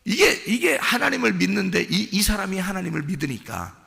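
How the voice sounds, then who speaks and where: Male pastor, sermon, high voice, very bright, long church reverb. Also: big pitch swings, fairly quick, creaky. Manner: swings from low murmurs to shouted peaks; acts out inner voices of listeners. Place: church sanctuary.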